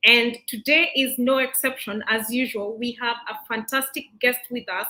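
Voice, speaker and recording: Bright-voiced Kenyan-born woman hosting. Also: fairly high pitch, fairly even intonation, moderate pace, poor audio. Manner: chatty, eager, with many fillers and restarts. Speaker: host. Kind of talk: live online interview.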